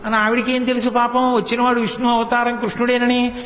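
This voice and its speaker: A man with a high voice gives a devotional discourse, telling stories vividly and acting out each character's lines. He breaks into slow, sung chanting of verses. The sound is dull and lo-fi, with a long, roomy echo from a large hall. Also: little pitch movement, a little hiss or hum. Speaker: religious discourse speaker.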